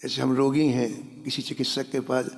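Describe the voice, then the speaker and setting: A man's voice: medium pitch, flat delivery, moderate pace. A man preaching a sermon, telling a devotional story and briefly acting out the characters' lines. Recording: long hall reverb.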